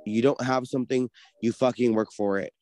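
A man's voice: medium pitch, fairly even intonation, fairly quick, a little mellow, faint music behind. A man co-hosting a casual podcast, ranting in a heated, profane way. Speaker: podcast co-host.

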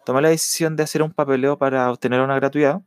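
A young man with a Chilean accent, a student telling his own story in a reflective, halting way with many fillers. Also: mid-range voice, steady tone, smooth, no room sound, clean studio sound. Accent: Chilean Spanish. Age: young adult. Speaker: university student. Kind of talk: personal testimony.

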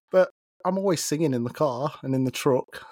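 A man with an East Midlands English accent, hosting a casual podcast conversation, chatty and quick to laugh, often repeating his words. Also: fairly high pitch, darkish tone, no room sound, studio quality. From England. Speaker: podcast host.

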